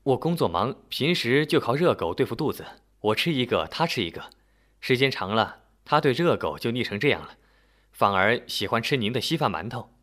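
A man's voice: mid-range voice, very animated, fairly quick, a bit bright. A man voicing a sheepish young dog owner. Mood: explaining. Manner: explaining, matter-of-fact.

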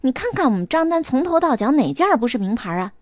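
A woman voicing a brash, rich young woman who taunts and threatens loudly and scornfully. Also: sits high, very animated, brisk, no room sound, clean studio sound. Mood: taunting.

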